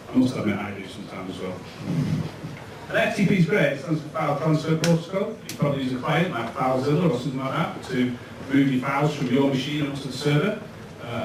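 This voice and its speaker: With a medium pitch and a Lancashire accent, a conference speaker in his thirties addresses an audience at a tech meetup in an event room. His delivery is relaxed and chatty, frequently broken by "ums," and the sound is noisy and echoey from a far-off mic.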